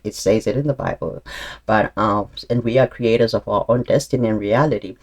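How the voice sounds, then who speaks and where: A man's voice: on the low side, fairly quick. A man giving an intuitive tarot reading straight to his viewers, earnest and encouraging, often repeating himself and restarting as he reads the cards. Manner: earnest, encouraging, spiritual advice in direct address; casual, calls listeners "honey". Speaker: tarot reader.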